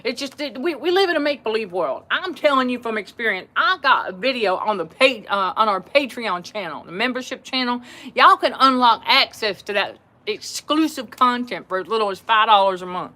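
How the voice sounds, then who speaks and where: She's a livestream host chatting casually with her viewers, animated, laughing a lot, and repeating phrases. Her voice sits on the high side with lively intonation and a brisk pace, pushed, bright, and carrying well.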